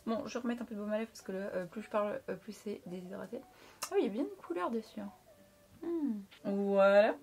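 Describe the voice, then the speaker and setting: A woman's voice: medium pitch, brisk, darkish tone. Chatty young woman reviewing makeup. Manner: chatty, frank, with playful asides. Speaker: beauty vlogger.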